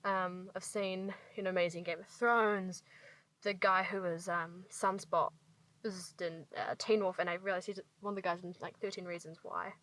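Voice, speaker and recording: A woman reviewing a film in casual podcast chat, animated and emphatic, swearing when frustrated. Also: on the low side, moderate pace, rough recording. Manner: animated and emphatic, swears, frank about her fears. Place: inside a car.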